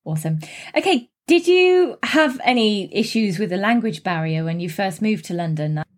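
A woman's voice: mid-range voice, animated, normal speed. A woman hosting a podcast as an English teacher, asking a student questions in an encouraging, upbeat way. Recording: music bed under voice.

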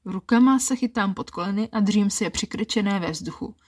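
A woman telling a first-person erotic story in a calm, intimate storytelling manner. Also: mid-range voice, husky.

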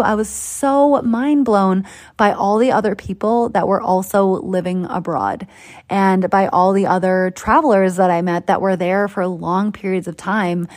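A woman's voice: mid-range voice, darkish tone. A woman from Boston hosting a podcast as a coach, talking in a chatty, upbeat and persuasive way. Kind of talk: motivational podcast monologue.

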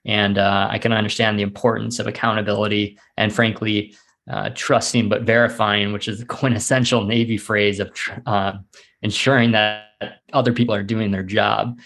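A man speaking as a real estate investor guest in a casual interview, explaining in a measured, matter-of-fact way. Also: on the low side, flat delivery, a bit bright.

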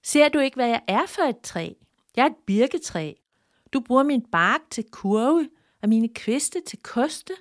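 A woman's voice: a little high, expressive, dry recording, studio quality, voice pushed up, close to an everyday voice. A woman voicing a talking birch tree that urgently pleads to be spared. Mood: pleading.

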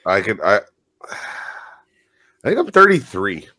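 A man in his thirties, a tow operator, co-hosts a casual podcast, telling stories animatedly and laughing often. His voice sits on the low side and he takes his time, with no echo in the recording.

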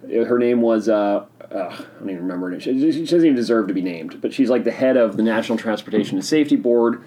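A man hosting a casual solo podcast, talking in an excitable, rambling, opinionated way while sipping a drink. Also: lowish voice, quick pace. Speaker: podcast host.

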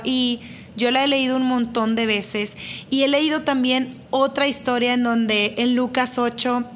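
High-voiced woman telling a story. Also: slight background noise. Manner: lively, dramatic retelling with self-deprecating laughs; repeats phrases for emphasis. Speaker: mother telling a personal story. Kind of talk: casual storytelling to camera.

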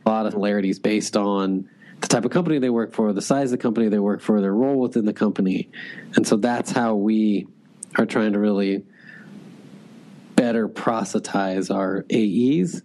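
A sales executive appears as a guest in a casual interview, talking loosely with lots of "like," filler and restarts. His voice is lowish and mellow at a moderate pace, and the audio quality is poor.

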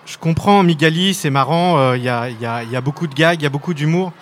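A man's voice: a little high, fairly quick. A man, a comic scriptwriter, interviewing his illustrator in a chatty, joking way. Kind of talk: casual interview.

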